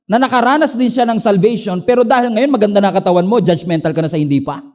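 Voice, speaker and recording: Middle-aged male Filipino pastor, high-pitched, animated sermon storyteller with dramatic swings in emphasis. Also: quick pace. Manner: animated storytelling, swings between emphatic highs and low asides. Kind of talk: preaching a sermon in Taglish.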